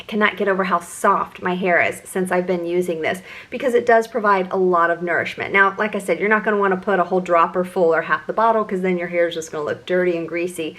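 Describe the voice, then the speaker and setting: A woman's voice: lowish voice, fairly bright tone. A middle-aged woman vlogger giving a chatty, enthusiastic product review. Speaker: beauty vlogger.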